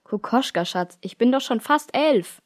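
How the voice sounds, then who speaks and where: A woman's voice: on the high side, expressive, unhurried, voice pushed up. Woman doing a sulky ten-year-old girl. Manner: grumbling, sulky. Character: fed-up girl of almost eleven.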